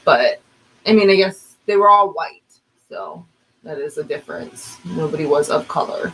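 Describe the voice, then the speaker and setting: A woman's voice: sits low, normal speed, vocal fry, a bit bright, slight background noise, poor audio. A woman chatting casually and expressively, slipping into quoted voices as she recounts a story. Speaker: podcast co-host. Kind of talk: casual chat.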